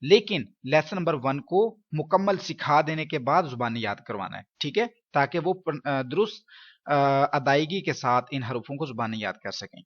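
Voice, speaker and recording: A man's voice: fairly high pitch, expressive, muffled recording. A man teaching Quran reading to other teachers, explaining step by step, checking in often and asking rhetorical questions. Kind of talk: instructional lesson for teachers.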